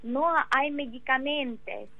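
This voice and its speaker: An emotional woman with a Ukrainian accent gives interview testimony haltingly, searching for words in a language that is not her own. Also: high-pitched, vocal fry, no echo, phone-quality sound. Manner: halting, searching for words in non-native Spanish. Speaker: interview guest.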